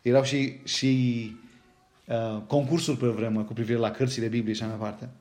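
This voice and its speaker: A middle-aged man with a Romanian accent preaching a sermon in a lively way, often asking his listeners questions. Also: mid-range voice. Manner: lively, asks the congregation questions, frequent "da?". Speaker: pastor.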